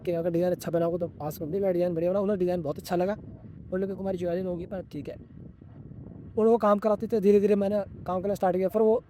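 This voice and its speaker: A man's voice: high voice, fairly even intonation, fast, warm tone, slight background noise. A young man giving blunt, slangy career advice in a casual vlog monologue, addressing viewers as brother. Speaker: vlogger.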